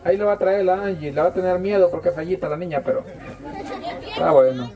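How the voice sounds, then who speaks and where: Speaking high-pitched and quick, a Salvadoran-accented man runs a toy giveaway on a village dirt road, calling out informal, repetitive instructions to the crowd. The recording is surrounded by the outdoor noise of children and adults.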